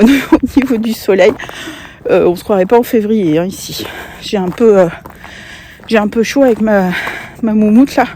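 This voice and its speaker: A woman's voice: mid-range voice, mellow, a little hiss or hum. A woman chatting casually in a craft vlog, hesitant with many fillers and small laughs. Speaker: craft vlogger. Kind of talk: casual knitting vlog chat. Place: outdoors on a walk, sunny day.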